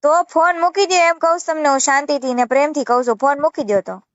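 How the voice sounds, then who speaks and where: This woman, a channel creator answering a call, speaks quickly in a high register with a Saurashtra Gujarati accent. She's combative on the phone, reprimanding the caller and repeating herself, captured in a muffled recording.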